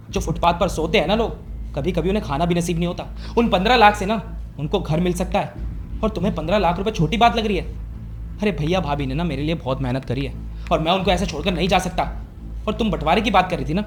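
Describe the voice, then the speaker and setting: Guy doing a young husband lecturing his wife, kinda high voice, bit of music under. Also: lightly acted. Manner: lecturing, stern. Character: younger brother-in-law, loyal to elder brother. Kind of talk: scripted family drama acting.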